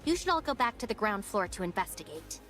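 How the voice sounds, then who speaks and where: A woman voicing a dutiful game officer who speaks brisk and matter-of-fact. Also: mid-range voice, sing-song, a bit bright, faint music behind. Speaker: game character. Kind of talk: game voice acting.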